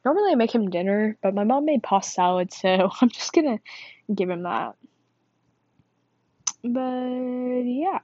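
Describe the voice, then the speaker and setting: A woman's voice: a little high, expressive, a little slow, pauses often, dark tone, dry recording, lo-fi sound. A teenage girl rambling casually about school and her day. She is a little winded, fills her talk with "um" and "like", and pokes fun at herself. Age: teens. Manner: rambling, chatty, self-deprecating with frequent fillers. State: winded, out of breath. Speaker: student vlogger.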